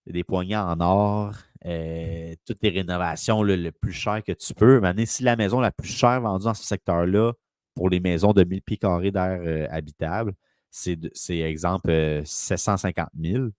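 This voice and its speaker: Quebec french guy, real low voice, rambly storytelling, dry close sound. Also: steady tone, normal speed, darkish tone, smooth, no room sound. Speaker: real estate broker. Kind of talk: casual conversation.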